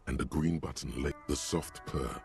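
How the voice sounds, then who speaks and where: A very deep, rumbling narrator describes each scene in slow, measured detail. Game music swells clearly under his voice. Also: steady tone. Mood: solemn. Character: solemn male narrator voice of a detective game.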